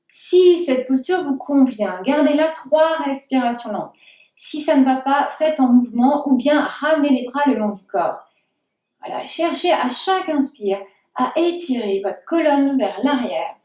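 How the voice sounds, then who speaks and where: Slow, calm yoga teacher. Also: female voice, sits high, distant mic. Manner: slow, calm cueing of breath and movement, drops to near whispers. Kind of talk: guided yoga instruction. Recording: roomy echo, voice from off-mic.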